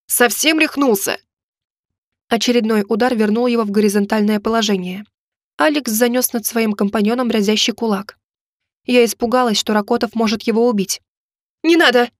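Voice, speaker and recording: A woman reading a romance novel aloud in expressive first-person narration. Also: fairly high pitch, fairly quick, dry recording, studio quality. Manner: expressive storytelling delivery. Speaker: audiobook narrator.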